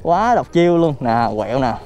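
A man's voice: on the high side, sing-song, normal speed, a little mellow, soft background music. A young man with a Southern Vietnamese accent cheering and joking as he films himself riding outdoors for his vlog. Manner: playful, cheering, laughs often. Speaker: vlogger. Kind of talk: excited casual vlog commentary. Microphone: handheld phone camera. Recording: noisy outdoor phone recording.

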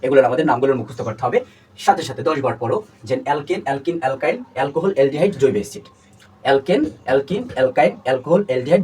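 Fast-talking man teaching a chemistry class. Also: medium pitch, a little mellow. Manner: repeats terms drill-style, asks students questions. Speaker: chemistry tutor. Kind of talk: classroom lecture. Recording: distant mic with faint background noise.

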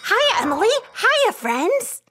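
A cheerful puppet girl, voiced by a woman, speaks in a slow, drawn-out, sing-song voice. Her voice sits very high and swoops up and down wildly. She talks slowly, as if leading little children along. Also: big pitch swings, sharp tone, heavily acted.

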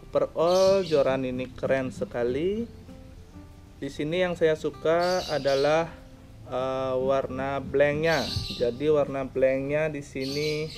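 Slow-talking young man reviewing a fishing rod. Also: medium pitch, a little mellow. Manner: plain explaining, counts and points things out. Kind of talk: casual product review. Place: outdoors by a roadside with plants.

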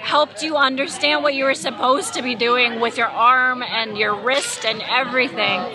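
Female vlog co-host, thirties, high-pitched, informal and self-effacing, outdoor crowd audible. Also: steady tone, moderate pace. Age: 30s. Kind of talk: casual chat. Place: outdoors at a fairground. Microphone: camera at arm's length. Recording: outdoor fair crowd behind.

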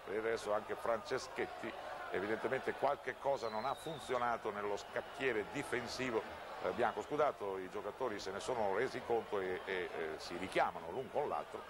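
Male football commentator, fairly low pitch, running match description, clearly noisy outdoor stadium broadcast. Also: moderate pace. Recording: noisy old TV broadcast audio. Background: outdoor stadium ambience.

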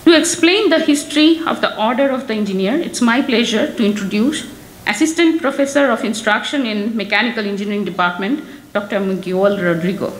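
A woman's voice: a little high, brisk, roomy sound, poor audio. A woman acting as emcee at a graduation ceremony, formally announcing names and titles. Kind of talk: formal introductions. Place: ceremony hall.

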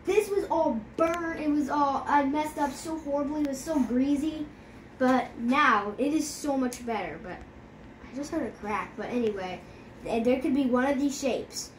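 A woman vlogging casually to camera, excitable and nervous, often dropping to a hushed voice. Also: high-pitched, moderate pace, a little hiss or hum. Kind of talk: casual vlog chat to camera.

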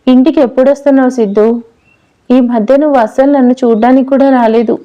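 A woman's voice: sits high, steady tone, fast, close to an everyday voice. A woman reading a storybook's demanding young pregnant wife, who wheedles and scolds her husband. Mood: nagging. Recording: dull lo-fi recording.

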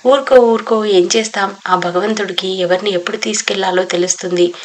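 A woman's voice: mid-range voice, fairly even intonation, a little fast, close to an everyday voice. A woman voicing a patient male village cook who tends a sick young man and soothes a grieving old woman, in a storybook reading. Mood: soothing. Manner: soothing, gently coaxing.

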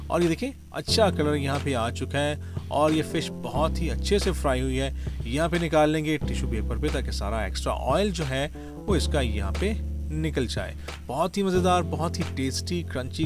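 A man, a chef hosting his own cooking show, talks viewers through a recipe step by step in a friendly voice-over. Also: mid-range voice. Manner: friendly, step-by-step, keeps saying "perfect". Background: guitar music.

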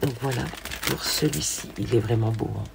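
Hoarse, gravelly older French woman. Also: extremely low pitch, moderate pace, noisy background. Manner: chatty, gushing, frequent fillers. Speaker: craft haul vlogger. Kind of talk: casual show-and-tell haul.

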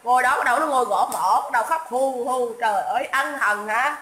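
Host: woman, high bright voice, scornful scolding rant, echoey room. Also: a little fast. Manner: mocking, scolding, insulting, repeats herself. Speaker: livestream host. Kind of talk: political rant livestream.

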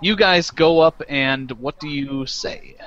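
A man running a tabletop game as game master, talking in a relaxed way with many fillers. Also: a little high, slow pace. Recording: lo-fi muffled recording.

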